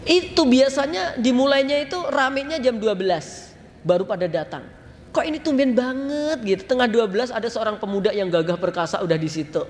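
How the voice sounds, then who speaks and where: A man with a Javanese accent preaching to a congregation in a lively, chatty storytelling style, mixing in local slang and speaking to the listeners directly. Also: extremely high pitch, a little fast. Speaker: Islamic preacher. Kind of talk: casual storytelling sermon. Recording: long hall reverb, faint noise.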